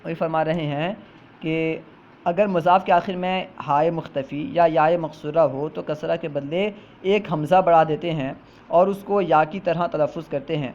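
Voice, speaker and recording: A man's voice: on the high side, fairly even intonation, darkish tone. Man teaching a grammar lesson, muffled recording. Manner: repeats each example slowly then explains.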